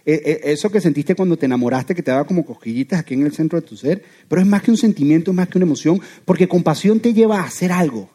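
Animated male preacher. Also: on the high side, fast, hardly any pauses. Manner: animated preaching, with everyday examples. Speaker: pastor. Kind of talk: sermon.

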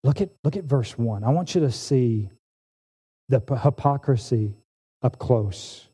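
Animated preacher in a reverberant hall. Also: male voice, mid-range voice, unhurried, slightly rough. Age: 40s. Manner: animated and emphatic, with frequent restarts. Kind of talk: sermon.

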